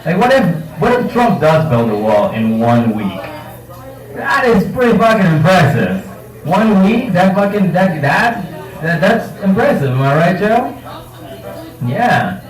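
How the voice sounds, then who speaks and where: A man's voice: sits high, very animated, a little slow. A man doing a live stand-up set at a bar comedy night, talking casually and profanely on a handheld mic, with self-mocking crowd work. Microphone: handheld microphone. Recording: roomy bar sound from a distance.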